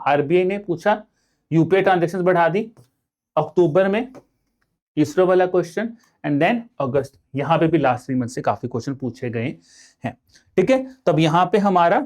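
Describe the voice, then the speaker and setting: This online exam-prep lecture comes from a young Indian-accented man whose voice is fairly high with a darkish tone. Mixing English into his Hindi, he talks to viewers as friends and peppers them with rhetorical questions.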